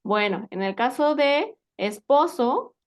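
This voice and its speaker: Brief: woman, English teacher, slightly high voice, patient and quizzing, tag questions throughout. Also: expressive, slow pace. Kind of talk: live English vocabulary lesson.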